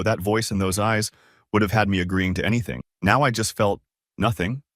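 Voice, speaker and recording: A man's voice: on the low side, fairly bright tone, no echo, studio quality. A man reading a first-person story aloud in a casual, conversational way. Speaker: narrator.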